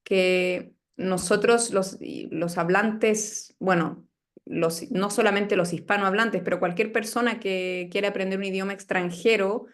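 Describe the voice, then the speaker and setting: A woman with a Chilean accent, a Spanish teacher speaking as an interview guest in a thoughtful, explanatory way with small pauses. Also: mid-range voice, fairly even intonation. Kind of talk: casual interview chat.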